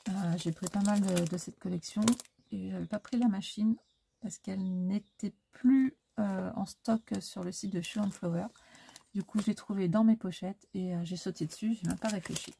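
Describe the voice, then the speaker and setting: A woman talking through a craft supply haul in a casual, hesitant way, pausing often on fillers and correcting herself. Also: medium pitch, vocal fry, mellow, slight background noise. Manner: hesitant, full of "euh" fillers; self-correcting as she goes. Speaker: scrapbooking vlogger. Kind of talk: casual show-and-tell haul.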